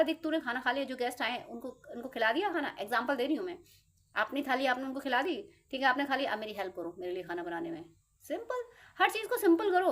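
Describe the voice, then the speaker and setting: A woman tarot reader, giving a casual motivational talk to her viewers in a chatty, playful way with quick acted-out asides. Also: sits high.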